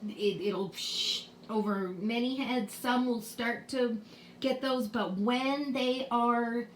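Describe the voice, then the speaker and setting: A woman's voice: on the high side, a little hiss or hum. A woman explaining spelling rules to parents in a casual home lesson, patient and full of fillers. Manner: slow, patient, with many fillers. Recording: roomy echo, faint ambience.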